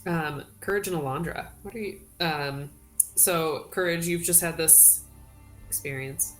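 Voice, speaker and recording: A woman's voice: low voice, unhurried, faint music behind. A woman running a tabletop game as dungeon master, narrating in a casual, chatty way. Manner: casual, chatty, with many fillers.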